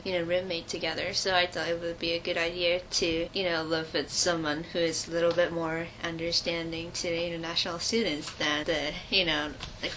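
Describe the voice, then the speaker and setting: A young woman from Japan, a native Japanese speaker, answering interview questions in English with many pauses and fillers. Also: on the low side, a bit bright, a little hiss or hum, low-quality recording. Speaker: international student.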